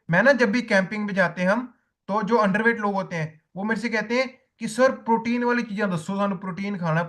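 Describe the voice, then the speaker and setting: Male coach, high voice, repetitive classroom teaching style. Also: a bit bright. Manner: repetitive, tells listeners to write points down. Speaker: diet coach. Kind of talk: spoken lesson to coaches.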